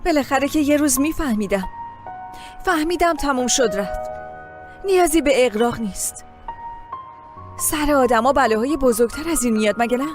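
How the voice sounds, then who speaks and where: A composed young mother, high voice, calm front, music behind. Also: pauses often. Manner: calm, acting as if nothing happened. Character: young mother hiding her hurt. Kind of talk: Persian dub of a Turkish drama.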